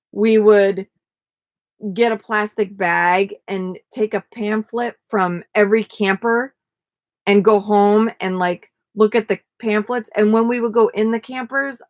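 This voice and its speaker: A woman's voice: mid-range voice, gravelly, no room sound. A tired young woman chatting casually to viewers on a live stream, rambling with many fillers. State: tired, yawning.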